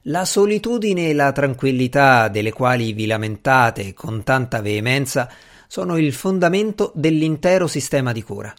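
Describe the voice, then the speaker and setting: A man's voice: mid-range voice, expressive, normal speed, lightly acted. A man voicing a sarcastic, sneering male asylum doctor in an audiobook.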